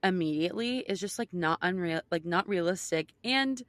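Emphatic woman co-host, slightly low voice. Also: expressive, normal speed, no room sound. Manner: emphatic, heavy use of "like". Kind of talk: casual opinionated chat.

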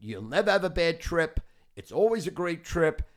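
A man's voice: on the high side, big pitch swings, moderate pace. A man in his fifties hosting a podcast, telling rambling, boastful stories full of swearing. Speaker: podcast host. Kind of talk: casual storytelling.

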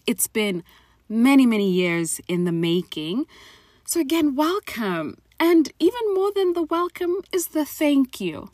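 A Zimbabwean woman in her thirties hosts her own podcast, giving a personal monologue in which she speaks straight to her listeners, frank and encouraging, with casual swearing. Her voice is a little high, and the recording is studio quality with no echo.

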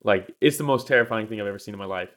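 A man's voice: lowish voice, racing, a bit bright. A man co-hosting a podcast, telling a story in casual chat with lots of fillers and swearing. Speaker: podcast co-host.

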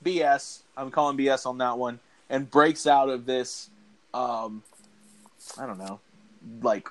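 A man's voice: mid-range voice, unhurried, fairly bright tone. A man talks through a film plot in a loose, chatty podcast recap. He rambles, restarts sentences and leans on fillers like "basically" and "um." His breathing stays audible between phrases. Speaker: podcast host. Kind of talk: casual movie recap.

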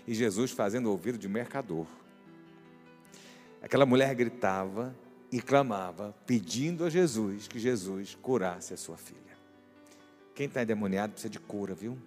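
A man preaching as a pastor, emphatic and rhetorical, often tossing in quick tag questions to the congregation. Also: lowish voice. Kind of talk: sermon. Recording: echoey hall with music.

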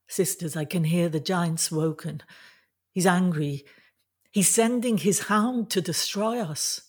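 A worried sister with keen ears, as a woman storyteller puts her on, giving grave warnings in a husky, unhurried voice that swells louder as the danger grows. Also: fairly low pitch, heavily acted. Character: sharp-eared sister who hears everything.

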